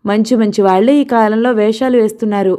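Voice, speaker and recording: Woman as coaxing working father, mellow tone, persuasive. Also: a little high, fairly quick, lightly acted. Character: poor grown-up son, coaxing father and stage actor.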